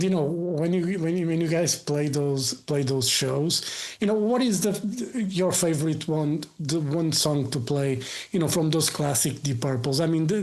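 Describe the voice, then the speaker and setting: A man's voice: a little high, darkish tone. A man interviewing a musician in a casual chat, talkative, often repeating words and laughing along.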